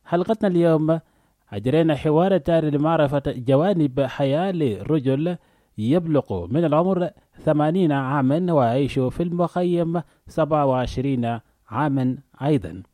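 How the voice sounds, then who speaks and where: A man's voice: a little high, mellow, dry recording, clean studio sound. A man reading a formal, scripted introduction to a radio program as its announcer. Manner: formal, read aloud.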